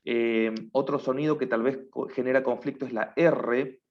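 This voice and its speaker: A male teacher talks his students through a lesson at an even, unhurried pace. His voice sits at a middle pitch. He keeps checking that everyone is following. The recording is muffled and lo-fi. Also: gravelly, a little hiss or hum. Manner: explains patiently, often checks with a questioning "right?". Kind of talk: online class lecture.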